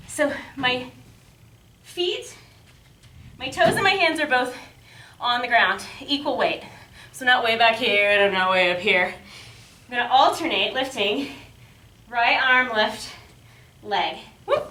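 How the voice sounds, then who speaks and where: High, bright-voiced woman fitness coach, far off. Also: slight background noise. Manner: peppy, encouraging, casual, calling out cues and counts; exerting herself while talking. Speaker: fitness instructor. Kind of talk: workout instruction, coaching along while exercising. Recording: echoey room, distant microphone.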